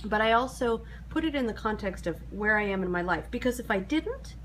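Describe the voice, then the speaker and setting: A woman talking casually and reflectively in a measured way, like a granddaughter in a family conversation. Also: mid-range voice, expressive, fairly bright tone, slight background noise.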